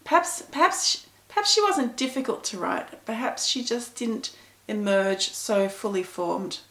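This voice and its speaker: A woman's voice: medium pitch, very animated, unhurried, a bit bright, reverberant. A middle-aged woman, chatting to camera as an author answering reader questions in a self-deprecating, storytelling way. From Pakistan. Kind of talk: casual talk to camera.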